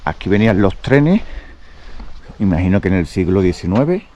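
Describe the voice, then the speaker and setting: A man talking casually and haltingly as he vlogs a night exploration outdoors. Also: low-pitched, sing-song, warm tone, highs cut off. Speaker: vlogger. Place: outdoors at an abandoned train station at night. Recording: outdoor night recording with noise.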